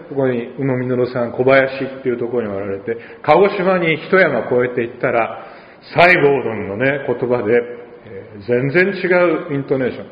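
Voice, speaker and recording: Pastor with an Oita lilt, echoey hall. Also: male voice, mid-range voice, highs cut off, slight background noise. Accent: Oita Japanese. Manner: conversational, with dialect asides and gentle humor. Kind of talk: sermon.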